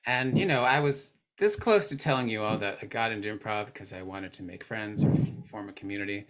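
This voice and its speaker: A man's voice: fairly low pitch, brisk. A man, joking in a dry way on a video call. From Ireland. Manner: dry, jokey.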